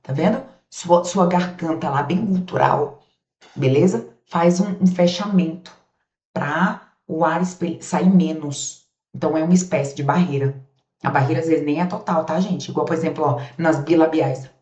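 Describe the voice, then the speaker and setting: A woman's voice: sits low, moderate pace, darkish tone. Brazilian woman teaching, roomy and distant. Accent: Brazilian Portuguese. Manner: demonstrates sounds aloud, asks rhetorical questions. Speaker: grammar teacher. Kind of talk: recorded class lesson. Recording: roomy, distant, dull sound.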